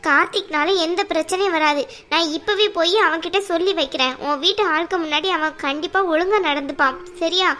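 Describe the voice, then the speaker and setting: A woman's voice: extremely high pitch, fairly quick, hardly any pauses, bright, forceful tone. A woman voicing a kind but stern mother-in-law in a cartoon, firm and soothing by turns. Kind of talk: cartoon voice acting.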